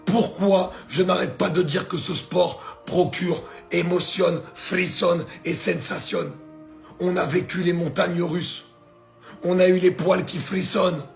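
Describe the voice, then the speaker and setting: Hoarse man raving about a match. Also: sits high, fairly even intonation, a little slow, soft background music. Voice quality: gravelly, strained voice. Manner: grandiose, emphatic. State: hoarse from shouting. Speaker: football content creator. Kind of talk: excited match reaction.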